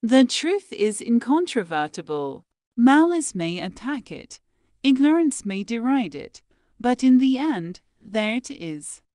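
Reading quotes aloud at a measured, careful pace, this woman stops briefly between phrases. Her pitch sits a bit high and swings widely, her tone is warm, and the recording is close and dry without any echo.

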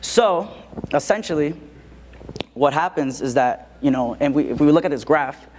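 A man explains a topic to a hall of students. His delivery is steady and plain, with frequent fillers between points. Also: fairly high pitch, moderate pace, slight background noise. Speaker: co-presenter. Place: school auditorium.

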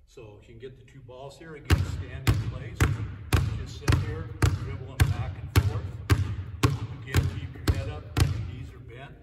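A man's voice: mid-range voice, very noisy. An older man coaching basketball drills in a large indoor gym, talking plainly and repeating his points, picked up by a camera at a distance. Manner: plain, repetitive coaching talk, often raised while dribbling. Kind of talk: instructional demonstration. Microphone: camera mic at a distance. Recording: echoey gym from far off. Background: basketball bouncing.

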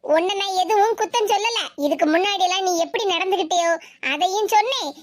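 A woman's voice: very high voice, fairly quick, no echo, clean studio sound, voice pushed down. A woman doing a preachy inner conscience, Tirunelveli accent. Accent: Tirunelveli Tamil. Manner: calm, lecturing, preachy. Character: lecturing inner conscience voice, calm. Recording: hissy home recording.

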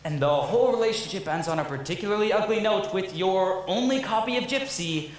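Young man as wry theatre-fan narrator, lively pitch, stage musical, echoey hall, audience noise. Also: fairly quick. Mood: rueful. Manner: chatty, wry asides to the audience. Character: wistful middle-aged male theatre fan narrator. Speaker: Man in Chair. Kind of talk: student stage musical acting. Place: school auditorium stage.

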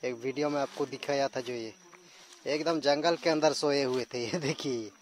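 A young man narrating a casual vlog to his viewers while walking through a dark forest at night, chatting slowly and laughing now and then. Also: medium pitch, slight background noise. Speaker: vlogger. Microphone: handheld phone camera.

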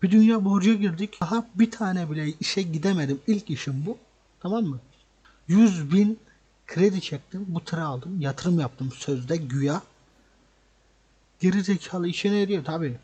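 A man narrating a truck-driving game role-play in a fit of frustration, swearing and repeating lines as he vents. His voice sits a little high for a man, with a warm, husky grain. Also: moderate pace. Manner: angry ranting, swears often, repeats himself. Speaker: gaming channel host. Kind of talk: role-play gameplay commentary.

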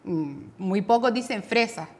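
A woman's voice: medium pitch, a little slow, a little mellow. A woman with a Canary Islands Spanish accent speaks as a speech therapist on a talk show. She explains things patiently and methodically. Now and then she imitates children's mispronounced words.

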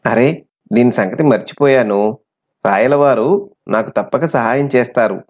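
A man's voice: medium pitch, a little slow, a little mellow, close to an everyday voice. A man voicing an honest, brave young schoolboy in a plain reading voice. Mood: earnest. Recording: slightly muffled recording.

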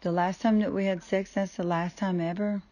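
A woman's voice: medium pitch, little pitch movement, normal speed, warm tone. A woman on a phone call played back through a speaker and re-recorded, pressing the same question again and again. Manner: pleading, insistent, repeating questions. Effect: phone call replayed through a speaker. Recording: muffled re-recorded phone audio.

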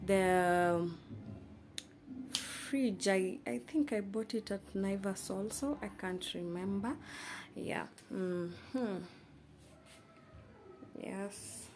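A woman's voice: mid-range voice, darkish tone, a little hiss or hum. A young Kenyan woman giving a casual tour of her small studio apartment, chatting with many fillers while filming on her phone. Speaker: vlogger. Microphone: handheld phone camera, speaker off screen.

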